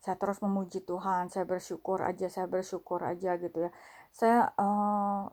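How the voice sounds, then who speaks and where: Mellow-voiced woman, halting testimony. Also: on the low side, flat delivery. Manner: halting, many fillers, repeats phrases. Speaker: vlogger sharing a faith testimony. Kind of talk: casual spoken testimony.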